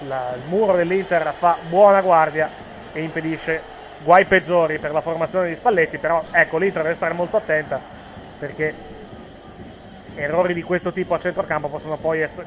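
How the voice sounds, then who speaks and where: A man's voice: a little high, background noise. A man giving informal live football commentary, hesitating and correcting himself as he goes.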